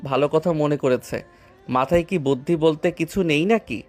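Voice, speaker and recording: A man voicing a calm, teasing young hero who stays unfazed. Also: a little high, moderate pace, soft background music, close to an everyday voice. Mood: casual. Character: calm, cheeky young male hero Akash.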